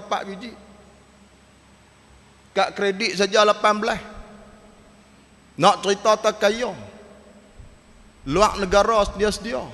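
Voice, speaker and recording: A preacher gives a storytelling sermon and acts out the voices in his tales. His voice sits high for a man. The sound rings with the long reverb of a mosque hall. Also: sharp tone.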